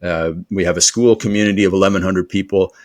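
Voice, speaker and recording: A man who is a performance coach, talking as a podcast guest in an energetic, rambling motivational style with many fillers. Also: low voice, quick pace. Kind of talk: podcast interview conversation.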